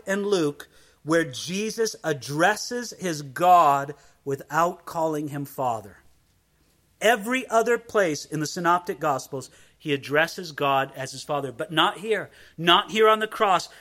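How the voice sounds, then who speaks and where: A man preaching with a high, bright voice. He delivers an emphatic expository sermon, repeating phrases and slowing to stress key words. His tone stays sharp and forward throughout. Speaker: pastor.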